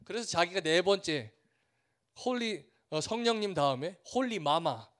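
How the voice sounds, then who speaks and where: A man's voice: high voice, expressive, normal speed, fairly bright tone. A man preaching a sermon as a missionary, earnest, building through repeated phrases and acting out the villagers he meets. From Korea. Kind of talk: sermon with storytelling.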